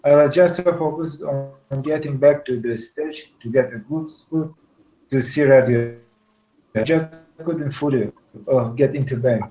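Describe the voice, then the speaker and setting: A man reads his part of a classroom dialogue, stumbling and filling pauses with hesitant sounds. His pitch is mid-range, and the recording sounds dull and lo-fi. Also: warm tone. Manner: halting, many fillers. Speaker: student reading a dialogue. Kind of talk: reading a dialogue aloud.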